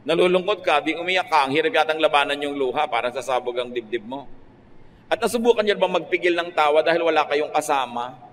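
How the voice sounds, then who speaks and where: A man with a Filipino accent preaches in an easy, conversational way, switching between Filipino and English and jumping up in pitch to make a point. His voice sits a little higher than most men's. It rings with a long reverb over a faint hiss. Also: quick pace, fairly bright tone. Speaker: pastor. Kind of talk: radio sermon.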